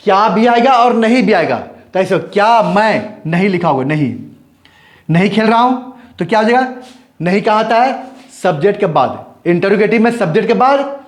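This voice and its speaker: A man teaching English grammar in Hindi, often asking his students whether the point is clear and switching between Hindi and English example sentences. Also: high-pitched, animated, normal speed. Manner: repeats questions to the class, checks with "clear?". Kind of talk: Hindi-language grammar lesson.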